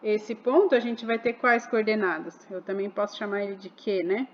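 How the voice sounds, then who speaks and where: A woman's voice: medium pitch, steady tone, moderate pace, highs cut off, slight background noise. A woman explaining a math exercise step by step, patient and asking rhetorical questions as she goes. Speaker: math teacher.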